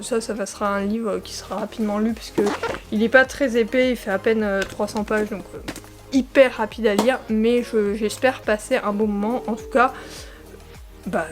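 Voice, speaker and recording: A woman's voice: a little high, fairly even intonation, normal speed, over music. A young woman talking casually about books she plans to read and reading their summaries aloud, with many fillers and restarts. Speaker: book vlogger.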